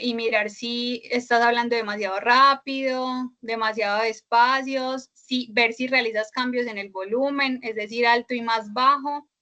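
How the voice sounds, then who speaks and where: A woman teaching a class online, her voice bright, forward and a little high. She explains step by step, fills pauses with "eh" and checks in with her listeners after each point. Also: lo-fi sound. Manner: explanatory, many "eh" fillers and tag "¿cierto?". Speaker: instructor.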